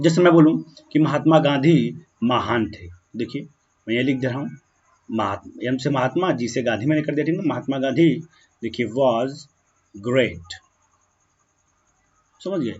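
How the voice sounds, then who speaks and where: A man teaching a grammar lesson, slowing down as he writes words out and often checking that students follow. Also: medium pitch, darkish tone, breathy edge. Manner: keeps checking in with "ठीक है ना" and "clear है"; slow, drawn-out when writing words. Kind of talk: grammar lesson explaining on a board. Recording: dull, muffled lo-fi sound.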